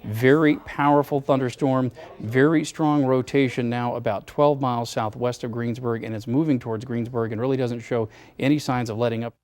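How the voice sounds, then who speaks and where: Male TV meteorologist, mid-pitched, serious and explanatory, delivering live severe storm warnings from a studio. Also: steady tone, darkish tone. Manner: measured, serious, explanatory, urging caution. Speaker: TV weather forecaster anchoring storm coverage. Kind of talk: live severe weather commentary.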